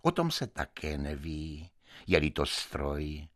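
A man giving an expressive literary reading with dramatic, sweeping intonation. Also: extremely low pitch. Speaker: reader.

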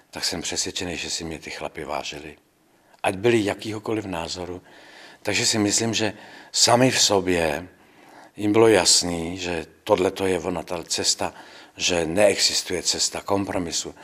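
An older male priest tells his story with a deep, husky voice. He speaks with calm conviction, slipping into the voices of the people he quotes. It sounds like an interview. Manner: storytelling, acts out quoted dialogue. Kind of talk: recounting memories in an interview.

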